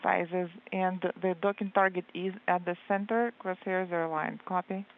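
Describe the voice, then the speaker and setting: A woman giving a live translation voice-over of radio exchanges, speaking in halting pieces with many hesitations. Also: lowish voice, steady tone. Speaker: interpreter. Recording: very narrow phone-like line.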